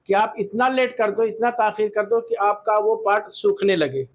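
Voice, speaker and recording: A man teaching Islamic law to a class, quizzing the students and often checking that they agree, with English words mixed in. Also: high-pitched. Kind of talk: classroom lesson with questions to students.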